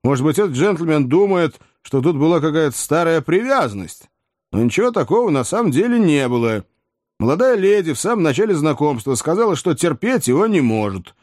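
A man's voice: on the high side, sing-song, fairly quick, a little mellow, no room sound, clean studio sound, pitched above the performer's own voice. A man voicing a cheerful plain-spoken young manservant in a story reading, friendly and matter-of-fact. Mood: assured.

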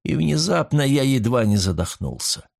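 A man reading a first-person novel aloud with a hushed, intimate, drawn-out delivery. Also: mid-range voice, big pitch swings, creaky. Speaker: audiobook narrator.

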